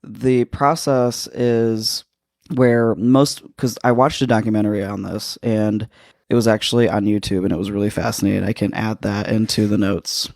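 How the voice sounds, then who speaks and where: A man's voice: lowish voice, level tone, creaky, a little mellow, no echo, studio quality. Chatty man explaining on a podcast. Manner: chatty, explaining with fillers and restarts, quick asides. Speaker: podcast co-host. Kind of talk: casual chat.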